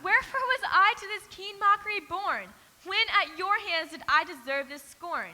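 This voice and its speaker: A woman's voice: extremely high pitch, moderate pace, pushed and bright, heavily acted. A woman playing a lovelorn young noblewoman who pleads in emphatic verse. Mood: hurt. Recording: echoey hall.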